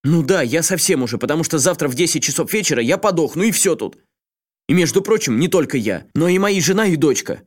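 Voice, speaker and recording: A man's voice: a little high, animated, quick pace, voice pushed up. A man voicing a frantic male journalist who pleads with a friend in a raised, agitated voice. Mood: desperate.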